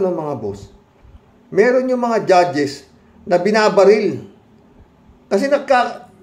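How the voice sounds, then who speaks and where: Middle-aged male vlogger, gravelly and a touch high, emphatic rhetorical commentary to viewers. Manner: emphatic, heated rhetorical questions, frequent "oh" interjections; quieter and more subdued when reading comments and signing off. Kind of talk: casual spoken commentary to viewers.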